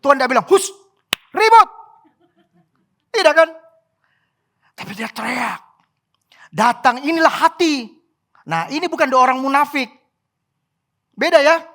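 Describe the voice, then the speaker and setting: A pastor preaching a sermon at a church service, swinging from soft, quiet remarks to loud exclamations and acting out prayers and cries. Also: sits high, normal speed, long pauses. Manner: animated, acts out prayers and cries.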